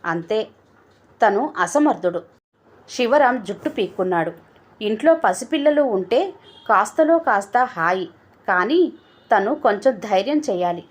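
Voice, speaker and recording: A woman narrating a family story in a measured, steady reading voice. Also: medium pitch. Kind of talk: scripted narration.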